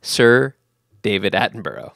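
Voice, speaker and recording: A man's voice: fairly low pitch, big pitch swings, moderate pace, vocal fry, a bit bright, no room sound, clean studio sound. A man hosting a podcast in casual chat, rambling with many ums and restarts. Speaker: podcast host.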